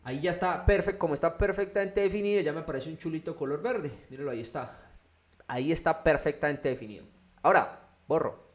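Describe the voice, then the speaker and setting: Man teaching software, casual. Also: a little high, fast talker. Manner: conversational, repeats "¿listo?" and restarts often. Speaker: engineering instructor. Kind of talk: screen-recorded software tutorial.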